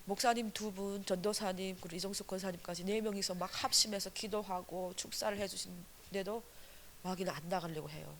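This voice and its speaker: A woman's voice: mid-range voice, fairly even intonation, brisk, slight background noise. A woman evangelist gives her testimony to a church congregation. She talks earnestly and with animation, packing her story with fillers.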